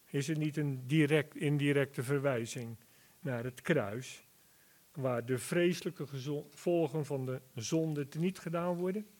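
A man preaching a sermon, explaining Bible verses deliberately and rising to emphatic calls at key words. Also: fairly high pitch, darkish tone. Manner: slow, deliberate Bible exposition with emphatic rises.

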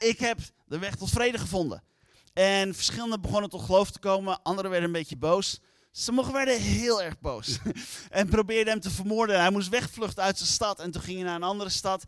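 A man's voice: high voice, smooth, no room sound. A man preaching, telling a long story and acting out the voices of the people in it. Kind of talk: sermon storytelling.

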